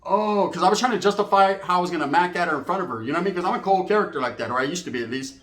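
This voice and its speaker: An American man, an animated raconteur, tells a slangy, comedic story and acts out both sides of each conversation. His voice sits high and comes rapid-fire, with a reverberant sound.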